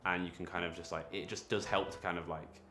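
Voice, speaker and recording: Young man with a very deep voice. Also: flat delivery, sharp tone, faint music behind. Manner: halting, many fillers and restarts. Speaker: creative interviewee. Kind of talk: casual reflective interview.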